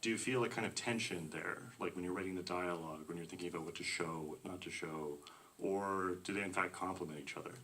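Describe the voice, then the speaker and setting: A man's voice: deep voice, fast, fairly bright tone, distant mic, a little hiss or hum. A man in the audience asking a thoughtful, friendly question about storytelling. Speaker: audience member.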